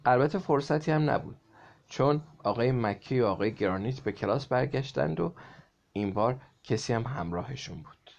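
A man reading a children's story aloud to a child in a lively way, stopping to explain words. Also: medium pitch, creaky, lo-fi sound.

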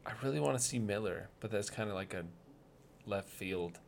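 A man co-hosting a casual sports podcast, laid-back and joking, often pausing with ums. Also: fairly low pitch, creaky. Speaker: podcast co-host.

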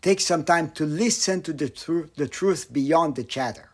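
A man giving a Buddhist dharma talk, slow and reflective, with pauses and some phrases dropped almost to a whisper. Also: on the high side. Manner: slow, pausing, with soft near-whispered phrases. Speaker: meditation teacher.

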